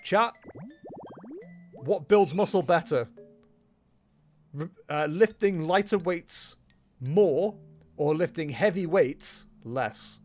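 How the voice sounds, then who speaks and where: A man with a fairly high, very animated voice, streaming a video game. He rambles and jokes casually, with music behind him. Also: slow, long pauses. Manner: jokey, rambling. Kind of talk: casual chat and game commentary.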